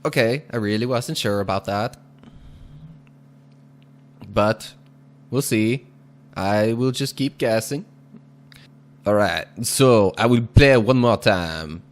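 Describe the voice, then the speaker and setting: The gaming video host here has a fairly low pitch and chats casually over the gameplay. His foreign accent is put on and exaggerated, and he talks slowly and deliberately with an occasional chuckle.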